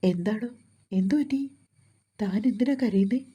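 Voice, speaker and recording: A gentle young man, read by a woman in a storybook reading, speaks softly and with apology in his words. The tone is dark and mellow, with a husky grain. The pitch sits at a middle level. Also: unhurried. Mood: worried. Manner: soft, consoling and apologetic.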